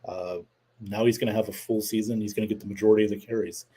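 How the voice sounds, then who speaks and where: Casting note: male show host, lowish husky voice, casual opinionated sports rant with many fillers. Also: steady tone, fast talker, dark tone. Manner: opinionated, rambling with fillers, reads chat comments aloud. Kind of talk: casual livestream sports talk.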